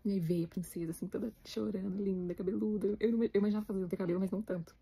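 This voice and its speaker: A Brazilian woman with a Brazilian Portuguese accent, chatting to her viewers in a rapid, emotional way as she retells her story. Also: medium pitch, fairly even intonation, creaky, dark tone, husky. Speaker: vlogger, new mother.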